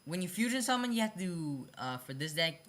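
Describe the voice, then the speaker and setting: A hobby card game video creator gives a casual, off-the-cuff explainer of custom card designs, stumbling over phrasing, repeating and correcting themselves, and apologizing for mistakes. The voice is bright and medium-pitched, brisk, with big pitch swings.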